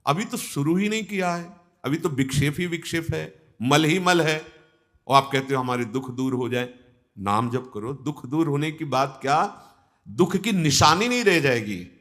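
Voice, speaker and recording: A man's voice: on the high side, animated, moderate pace, a bit bright. A man giving a devotional discourse as a spiritual teacher, exhorting listeners and quoting scripture verses in a chanting cadence.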